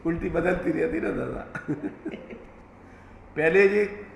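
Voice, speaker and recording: A man's voice: a little high, fairly even intonation, slow, creaky. A man teaching a scripture class, patient and explanatory, repeating key terms and using homely examples. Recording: echoey room, faint background noise.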